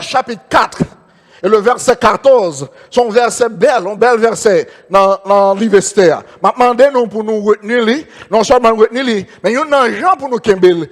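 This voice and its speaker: A man's voice: extremely high pitch, long reverb tail. A man with a Haitian Creole accent preaching a sermon as pastor, repeating phrases and calling out amen. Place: church.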